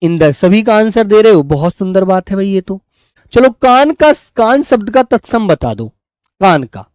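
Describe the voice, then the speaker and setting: A man's voice: high-pitched, very animated, normal speed, darkish tone, no echo. Coaxing male teacher in a dry room. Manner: coaxing, addresses students as beta. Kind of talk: live online quiz class.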